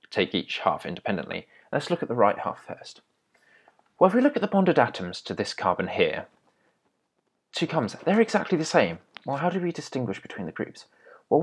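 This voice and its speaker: A young man teaching chemistry step by step in a patient, explaining way, with small restarts. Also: on the low side. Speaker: chemistry tutor. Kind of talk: explaining at a whiteboard.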